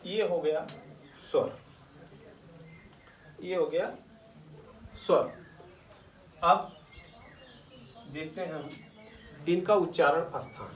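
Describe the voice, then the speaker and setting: A man teaching at a very slow, careful pace, stretching out sounds and repeating them for his students. His voice sits a little high. He is recorded from some distance in an echoey room. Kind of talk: slow classroom-style grammar lesson. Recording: echoey room, distant mic, faint noise.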